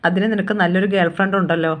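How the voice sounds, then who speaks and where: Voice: medium pitch, fairly even intonation, racing, lightly acted. Audiobook figure: teasing, caring young woman friend, coaxing questions; read by the narrator in a near-natural voice. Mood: playful.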